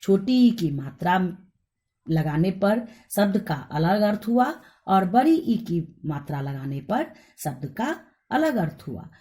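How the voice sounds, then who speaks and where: A woman's voice: fairly low pitch, big pitch swings, unhurried, mellow. A woman teacher giving a Hindi grammar lesson, spelling out each letter and vowel sign one by one.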